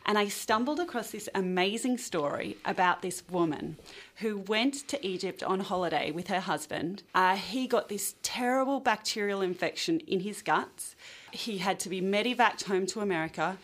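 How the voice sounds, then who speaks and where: A woman, a filmmaker guest on a radio interview, telling her story in a lively way. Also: mid-range voice, normal speed.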